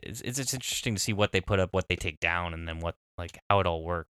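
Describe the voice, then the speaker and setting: Deep-voiced man, hesitant co-host. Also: fast, a bit bright, clear, resonant tone, dry recording. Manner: hesitant, with many restarts and fillers. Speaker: podcast co-host. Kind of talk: casual chat.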